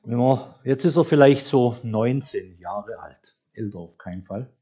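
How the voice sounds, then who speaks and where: Male preacher with a mid-range voice, telling the story in a chatty way and slowing down for scripture, on a dull, lo-fi recording. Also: mid-range voice, expressive, mellow. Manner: conversational storytelling, slows down to read scripture. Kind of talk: sermon.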